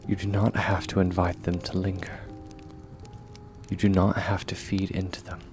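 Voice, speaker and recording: A man gives voice to a kind, steadfast young warrior in a comfort ASMR roleplay, gentle and reassuring, measured and often hushed. His natural, low voice stays monotone over soft background music, soothing and earnest.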